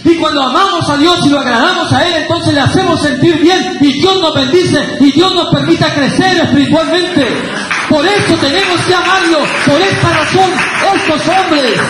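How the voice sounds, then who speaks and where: A man preaching a fervent Pentecostal sermon, breaking into shouted emphases. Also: very high voice. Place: church sanctuary. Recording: very echoey church hall, faint hiss.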